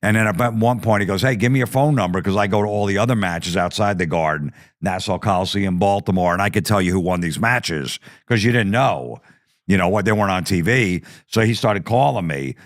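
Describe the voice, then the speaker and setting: Low-voiced man telling a comic story. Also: brisk, no echo, studio quality. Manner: animated, profane, acts out quoted voices. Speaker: podcast guest. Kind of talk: comedic storytelling.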